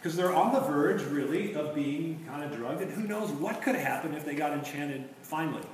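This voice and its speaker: A man's voice: animated, normal speed. Man lecturing in an echoey room. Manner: conversational, musing, trailing off into low asides. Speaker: teacher. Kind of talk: lecture on literature and faith. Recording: echoey room, distant mic, faint noise.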